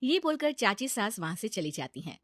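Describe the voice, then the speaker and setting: A woman narrating a cartoon moral story in a brisk, scripted way. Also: mid-range voice, big pitch swings, fairly bright tone, no room sound, clean studio sound.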